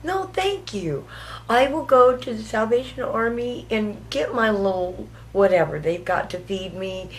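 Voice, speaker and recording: A woman's voice: medium pitch, unhurried, a little hiss or hum. A woman telling her story in a documentary interview, talking in a chatty way and acting out what others said to her.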